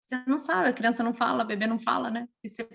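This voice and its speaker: Brazilian woman, podcast guest, slightly high voice, lively and emotional storyteller. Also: racing, vocal fry. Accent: Brazilian Portuguese. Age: adult, mother of a young child. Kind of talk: casual interview conversation.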